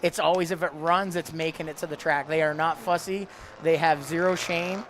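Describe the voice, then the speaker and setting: A man's voice: on the high side, fairly even intonation, fairly bright tone, slight background noise. Heartfelt man, choked up in an interview. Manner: emotional, heartfelt, halting with fillers. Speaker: parts vendor guest. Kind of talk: live interview.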